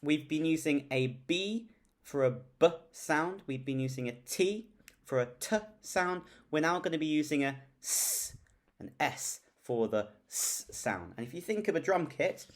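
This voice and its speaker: A man's voice: on the high side, expressive, unhurried. A man leading an online singing lesson, encouraging and counting the beats aloud. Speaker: singing teacher. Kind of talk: upbeat virtual group lesson.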